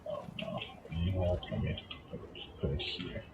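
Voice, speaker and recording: A man streaming a video game, casually commenting with relaxed, muttered reactions. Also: low-pitched, measured pace, distant mic, lo-fi sound, heavy background noise. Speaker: gaming streamer. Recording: loud music in the background.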